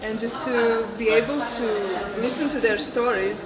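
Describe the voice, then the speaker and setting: A woman's voice: on the high side, normal speed. Earnest woman from Serbia, crowded hall. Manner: earnest, reflective, hesitant with uhs. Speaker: conference attendee. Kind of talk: event feedback interview. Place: busy conference venue. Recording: roomy, distant, loud crowd behind.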